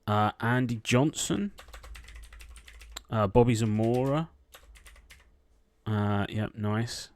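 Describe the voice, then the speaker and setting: A man's voice: mid-range voice, takes it slowly, pauses often. A man playing an online quiz, thinking aloud and muttering guesses with frequent ums. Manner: muttering names half to himself, lots of ums. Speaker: quiz gameplay streamer. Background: keyboard typing.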